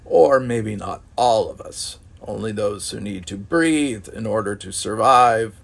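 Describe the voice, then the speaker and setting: A man's voice: on the low side, a little slow, creaky. A man voicing a grim, blunt male crewman who speaks plainly about danger.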